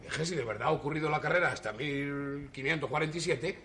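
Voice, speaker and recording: An actor playing a skeptical, bewildered friend who jokes and wisecracks, with a Spain Spanish accent. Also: male voice, on the high side, fast, sharp tone, a little hiss or hum. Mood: mocking. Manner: joking, wisecracking. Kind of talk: 1960s TV stage play acting.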